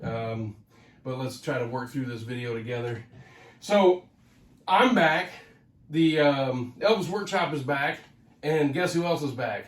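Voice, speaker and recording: Sounding slightly nasal because of a head cold, the host of a record-collecting channel chats to camera on his own, rambling through many fillers and restarts. His mid-range voice is animated yet unhurried, picked up from a distance in a roomy-sounding space.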